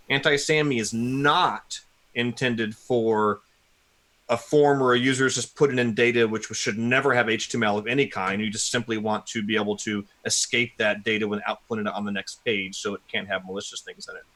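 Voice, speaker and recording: A man's voice: on the low side, pushed and bright. A man co-hosting a casual tech podcast, ranting animatedly with a self-mocking streak. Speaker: podcast co-host.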